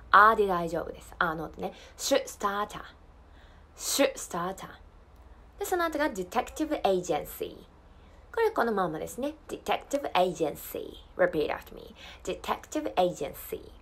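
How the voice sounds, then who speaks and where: A woman teaching an English lesson, saying model phrases slowly and carefully, then explaining quickly and repeating drill lines for learners to copy. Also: a little high, a bit bright. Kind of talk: language lesson.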